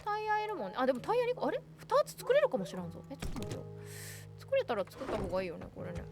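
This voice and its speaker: A woman's voice: sits high, huge pitch swings, rapid-fire. A woman with a Kansai accent, live-streaming a game, thinking aloud and thanking viewers. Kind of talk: casual live-stream chat. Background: game music.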